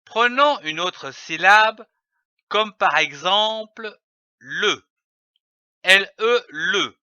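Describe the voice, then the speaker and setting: A man's voice: high-pitched, animated, very slow, bright, forceful tone, smooth, no room sound. A man teaching early reading, spelling out letters and syllables one by one with careful over-articulation. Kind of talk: slow didactic phonics lesson. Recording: dull lo-fi dry recording.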